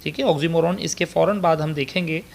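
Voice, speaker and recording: A man with a Pakistani accent gives a slide lecture on figures of speech, mixing Urdu and English. He speaks slowly and hesitantly, with plenty of filler pauses. His pitch is fairly high and his voice has vocal fry.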